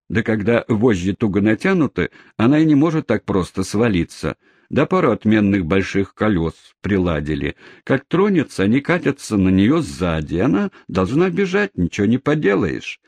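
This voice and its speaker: A man voicing a rough, quarrelsome London cabman in an audiobook reading, talking in a brash, aggrieved way. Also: lowish voice, big pitch swings, moderate pace, a little mellow, dry recording. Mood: grumbling. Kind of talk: audiobook character voice.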